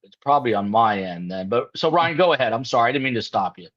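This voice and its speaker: A man's voice: mid-range voice, lively intonation, quick pace, a bit bright. A man hosting a live show, talking casually and rambling with lots of ums and you-knows over a video call. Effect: video call audio. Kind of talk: casual panel chat on a live stream. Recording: dull lo-fi video call line.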